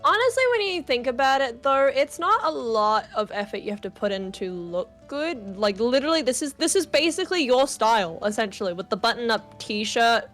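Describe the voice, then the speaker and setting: A woman with a slightly high voice hosts a casual livestream, talking in an upbeat, chatty way and laughing often. Faint music plays quietly behind her. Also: very animated, fairly quick, few pauses. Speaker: livestream host. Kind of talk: casual chat while drawing.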